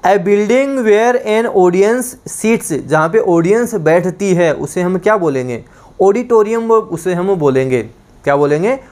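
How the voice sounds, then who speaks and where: A man's voice: high voice, a little mellow. A man teaching an online exam-prep lesson, repeating each term and asking the class questions back.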